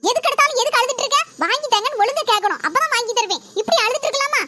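A woman's voice: very high voice, lively intonation, very fast, background noise. A woman voicing a stern young mother who firmly scolds her children, with a Kanyakumari Tamil accent. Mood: scolding. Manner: firm, scolding.

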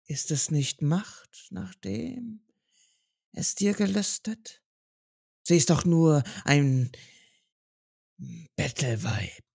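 Dude voicing a creepy hooded cultist, soft tempting tone, husky, slow. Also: mid-range voice, expressive, no room sound, clean studio sound, full character voice. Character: sinister hooded male cult leader, tempting.

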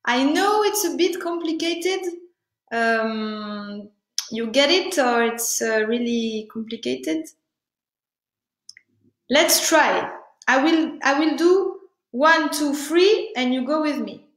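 A woman's voice: high-pitched, expressive, a bit bright, echoey room, low-quality recording. Woman teaching singing. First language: French. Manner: halting, searching for words, demonstrates with sung syllables. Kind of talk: online singing workshop.

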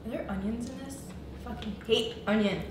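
A woman's voice: on the high side, a little fast, noisy background. A woman running a burger taste challenge in casual chat, bubbly, giggly and teasing. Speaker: challenge organizer. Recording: very echoey room with music. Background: loud background music.

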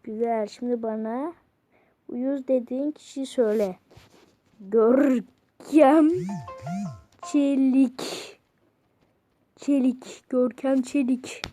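A young woman, casually chatting and teasing while she voices a chatbot's replies, swinging between loud outbursts and muttering. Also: sits high, steady tone, slow pace, long pauses, a little hiss or hum. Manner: playful, teasing, swears often. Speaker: vlogger chatting with an app bot.

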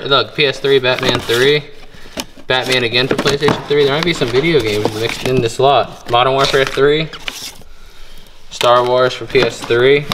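A chatty young man at medium pitch narrates a casual vlog while rummaging through an indoor metal storage unit, hunting for treasure. He jokes and thinks aloud as he digs, and the audio is very noisy.

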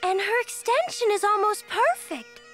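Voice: very high-pitched, sing-song, normal speed, fairly bright tone, exaggerated voice. An actor voicing a sweet, supportive young girl in a cartoon, gushing and encouraging. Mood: delighted. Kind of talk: animated series voice acting. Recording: music behind the voice.

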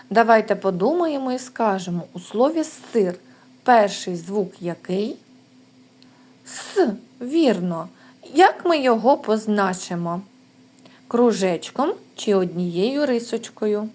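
A woman kindergarten teacher giving a recorded lesson to young children, sounding out words slowly and clearly. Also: mid-range voice.

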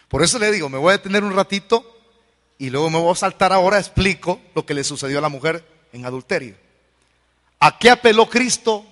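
Male pastor, folksy and emphatic, high voice, long church-hall reverb. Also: expressive, moderate pace, pauses often. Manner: emphatic, folksy preaching with sudden loud outbursts. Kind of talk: sermon.

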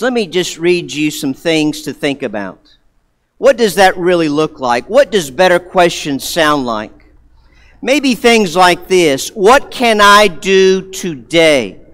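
A man preaching a sermon in a church, emphatic, repeating key words and moving between loud and hushed delivery. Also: on the high side. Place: church sanctuary. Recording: long hall reverb.

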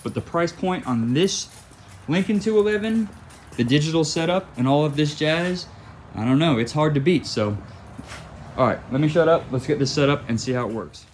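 A chatty young welding hobbyist vlogs from his concrete-floored garage workshop, talking loosely while working with his hands in a casual unboxing and how-to chat. His fairly high voice is expressive and moderately paced. A phone camera held or propped nearby picks him up, with a little hiss or hum.

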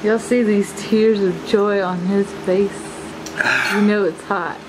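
A woman's voice: medium pitch, steady tone, slow. A woman giving casual, encouraging commentary for a home vlog from behind the camera. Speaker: off-camera host filming. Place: home dining room, indoors. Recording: noisy room with air conditioning hum.

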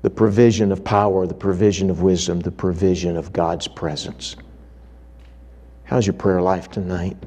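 Warm-voiced preacher telling a story. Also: male voice, low voice, little pitch movement, moderate pace. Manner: dramatic storyteller acting out quotes. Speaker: revival preacher. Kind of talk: sermon storytelling. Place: church.

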